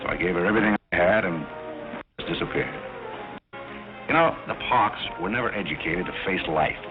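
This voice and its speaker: A deep-voiced gentleman butler in an old 1930s screwball comedy. He is formal, measured and wry, on a dull vintage film soundtrack with music playing strongly behind him. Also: animated. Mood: reflective. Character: dry, dignified gentleman working as a butler. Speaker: actor in a film.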